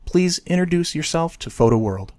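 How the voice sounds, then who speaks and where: A man's voice: a little high, very animated, moderate pace, a little mellow. A man hosting a casual photography podcast, upbeat and friendly as he reads promos and chats with a guest. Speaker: podcast host.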